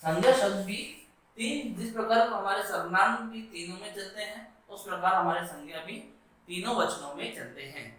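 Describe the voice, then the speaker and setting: A man's voice: high-pitched, fairly bright tone. Male teacher in an echoey classroom. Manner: explains patiently, asks and answers his own questions, addresses children; drawn-out, stressed Sanskrit words. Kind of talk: classroom lesson at a blackboard. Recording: echoey room, voice from a distance.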